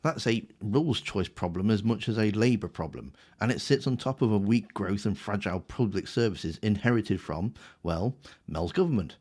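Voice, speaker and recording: Man, slightly low pitch, scripted political commentary, sarcastic, smug, mocking. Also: lively intonation, moderate pace, darkish tone.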